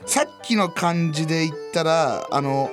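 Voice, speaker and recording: A man co-hosting a casual talk show, answering quiz questions and firing back quick retorts. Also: fairly high pitch, music in the background. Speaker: podcast co-host. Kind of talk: casual chat.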